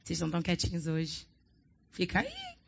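A woman's voice: on the low side, brisk, creaky, highs cut off, a little hiss or hum. A woman preaching a sermon, telling stories with acted-out dialogue. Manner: animated storytelling, acts out dialogue.

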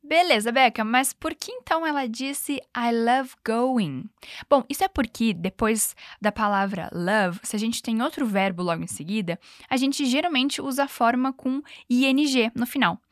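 Upbeat teacher with a higher voice. She sounds playful on a dry, close mic and hosts a podcast lesson. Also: lively intonation, no echo. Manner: upbeat, playful, switches between Portuguese and slow English examples. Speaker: English teacher and podcast host.

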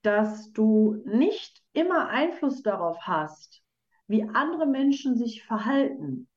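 A woman talks earnestly as a guest in an interview, explaining her ideas through everyday examples. Her voice sits fairly high and keeps pausing on fillers. The recording sounds roomy and dull, like a lo-fi setup. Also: big pitch swings. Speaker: children's book author, guest. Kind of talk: conversational podcast interview.

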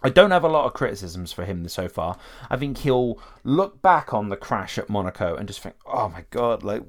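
A motorsport commentator offers casual, opinionated takes on racing drivers in a fairly low voice with big pitch swings. He speaks fairly quickly and conversationally, often restarting his sentences.

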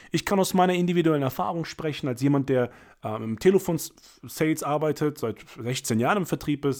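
Energetic German man coaching sales. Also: mid-range voice. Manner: energetic, emphatic, big swings between loud and quiet. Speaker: sales coach and podcast host. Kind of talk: motivational podcast monologue.

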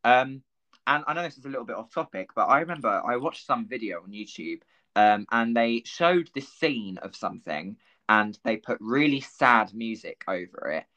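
A young man hosting a casual podcast chat. He talks in an easy, rambling way, full of "like" and "you know". His pitch sits in a middling range for a man. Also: moderate pace. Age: young adult. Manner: chatty, animated storytelling with frequent fillers and laughs. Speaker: podcast host.

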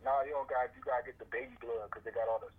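A man's voice: medium pitch, steady tone, very fast, slightly rough, phone-quality sound. A man with the flu calling in to a casual podcast over a speakerphone, joking and rambling in slang. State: sick with the flu. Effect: heard over a speakerphone call.

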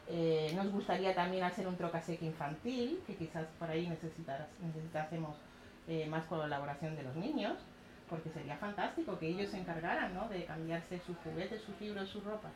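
A middle-aged Chilean woman with a Chilean accent tells lively stories about her neighborhood projects at a community talk with audience questions, laughing often and acting out other people's voices. Her pitch is fairly low. The room is echoey, with some background noise.

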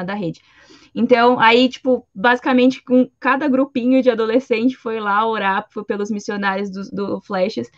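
A woman sharing a faith testimony in casual chat, speaking haltingly with many restarts. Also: a little high. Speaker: guest giving testimony. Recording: dry, slightly dull recording.

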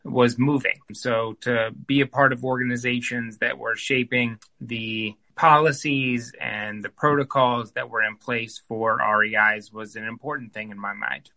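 A man answering interview questions as a guest physician, measured and thoughtful. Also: medium pitch, steady tone, creaky, sharp tone. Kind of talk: conversational interview.

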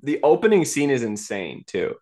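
A man's voice: mid-range voice, normal speed. A young man co-hosting a podcast, gleefully retelling movie scenes in casual chat. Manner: animated, gleeful storytelling. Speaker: podcast co-host.

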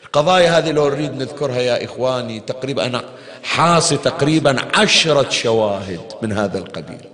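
A man's voice: medium pitch, expressive, quick pace, fairly bright tone. A man preaching in a mourning hall, telling a story with feeling and throwing rhetorical questions at his listeners. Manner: emotive storyteller, asks the crowd rhetorical questions. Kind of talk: Shia mourning sermon storytelling. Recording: long hall reverb.

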